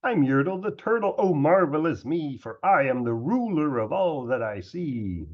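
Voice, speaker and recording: A man's voice: on the high side, lively intonation, moderate pace, highs cut off. A man voicing a pompous, boastful turtle king in a storybook, with an imperious, bellowing manner. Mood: boastful, delighted. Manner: imperious, bellowing, self-admiring.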